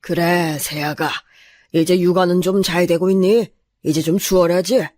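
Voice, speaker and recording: A woman voicing an older father-in-law who speaks in a low, calm, mild manner for a radio drama. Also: normal speed, dry recording, clean studio sound, close to an everyday voice.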